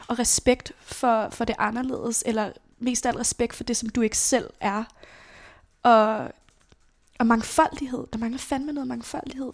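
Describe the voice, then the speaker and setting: Young woman with a gravelly, high voice. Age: young adult. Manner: casual, halting, many fillers and casual swearing. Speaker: interview guest. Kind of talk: personal storytelling interview.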